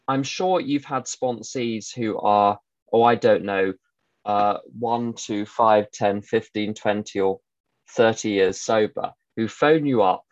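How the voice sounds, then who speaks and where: A man's voice: medium pitch, no room sound. A man giving an informal, digressive teaching talk as a recovery sponsor, with wry asides. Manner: chatty, digressive, with wry asides and quoted voices. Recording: dull dry recording.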